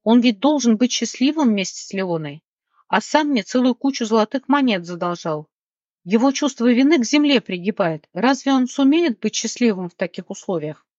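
A woman voicing a squeaky, blunt, cheeky little male creature in an audiobook. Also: lively intonation, normal speed, a little mellow, no echo, lo-fi sound.

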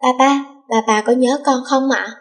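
A woman's voice: on the high side, normal speed, darkish tone, natural voice. A woman voicing a cheerful, spoiled young rich girl in an audiobook, bubbly and cutesy. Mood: sweet, excited. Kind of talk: audiobook character voice.

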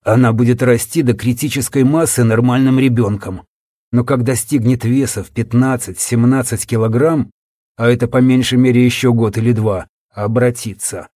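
A man voicing a tired, grave older healer who speaks slowly and calmly. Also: no echo, clean studio sound, lightly acted. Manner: slow, low, tired murmur. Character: weary older male healer, calm and grave.

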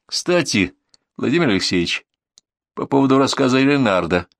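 A man voicing a cool-headed police detective who reasons calmly and without hurry. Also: mid-range voice, creaky, no echo, clean studio sound. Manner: composed, unhurried reasoning.

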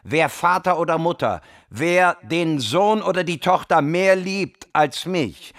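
A slow, solemn, high-voiced Jesus. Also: male voice, a bit bright, no echo. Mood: stern, insistent. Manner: solemn, declamatory, measured. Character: Jesus, solemn, commanding gospel preacher. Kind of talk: German radio drama acting.

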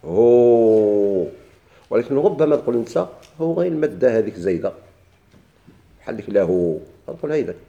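Mellow-voiced Moroccan man teaching. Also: lowish voice, lively intonation, a little fast, vocal fry, pauses often, muffled recording. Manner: asks questions and answers them himself, repeats key points. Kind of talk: Arabic grammar lesson.

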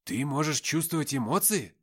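A man's voice: on the high side, big pitch swings, normal speed, a bit bright, breathy edge, pitched above the performer's own voice, full character voice. A man reading an audiobook voices a cheeky, mocking young man who teases his companions. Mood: teasing. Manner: teasing, flippant.

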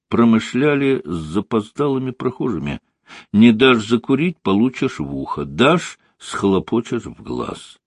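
A man narrating an audiobook with an expressive, storytelling delivery. His pitch moves lively. The recording is close and dry. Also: slightly rough, no echo. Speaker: audiobook reader.

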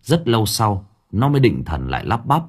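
Male audiobook narrator, husky, lively intonation, lowish voice. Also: moderate pace. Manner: storytelling narration with varied intonation.

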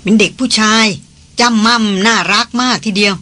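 A reader voicing an earnest titled lady on a jungle trek, who talks fast when anxious. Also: mid-range voice, steady tone, pushed and bright, natural voice. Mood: warm.

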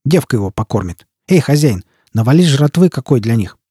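A man's voice: medium pitch, very animated, brisk, mellow, breathy edge, no echo, studio quality, voice pushed up. A man voicing a boisterous, coarse male bandit leader who mocks and bullies. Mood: swaggering.

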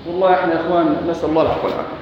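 A man with a Levantine Arabic accent preaches in a high, fast, impassioned voice. He drives his points home with repeated phrases and sworn oaths. His voice booms through a big echoing hall with a long reverb tail, with faint noise underneath. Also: flat delivery. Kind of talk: sermon. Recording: echoey hall, dull lo-fi recording.

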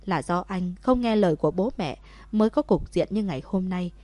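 A woman's voice: fairly low pitch, fairly quick, dry recording, close to an everyday voice. Woman voicing a pleading young husband. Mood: coaxing. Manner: loud begging calls.

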